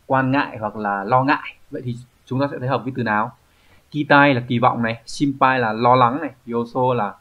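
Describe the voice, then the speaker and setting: A male teacher at an ordinary pitch explains exam questions patiently, often checking in with the listener. The recording sounds a little dull and lo-fi. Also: fairly bright tone. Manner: explanatory, asks rhetorical checks like "right?". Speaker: Japanese language teacher.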